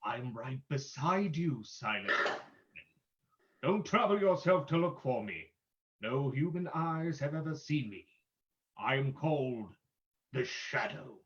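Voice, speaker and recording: A man's voice: mid-range voice, expressive, measured pace, pauses often, fairly bright tone. Man playing the Shadow, swooping, commanding radio sleuth. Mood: stern, menacing. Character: the Shadow, commanding unseen crime-fighting sleuth, adult man. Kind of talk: old-time radio drama reading. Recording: dull lo-fi audio.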